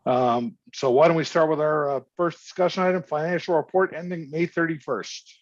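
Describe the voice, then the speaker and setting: A man's voice: on the high side, moderate pace, no room sound. A man chairing a committee meeting over an online group call, speaking formally with hesitant fillers. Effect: heard over an online group video call. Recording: dull dry call audio.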